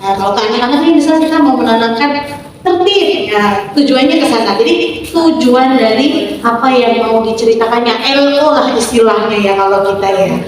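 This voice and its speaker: A woman coach leading a workshop for teachers, lively and drawn-out on stressed words, often asking the audience questions. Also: fairly high pitch. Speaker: storytelling coach. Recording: echoey hall, far from the mic, crowd noise.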